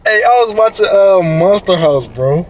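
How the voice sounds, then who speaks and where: Over a noisy crowd, a male co-host of a casual reaction commentary talks directly to his viewers at a normal speed. His voice sits high with lively intonation, and he tells stories in a slangy, rambling way.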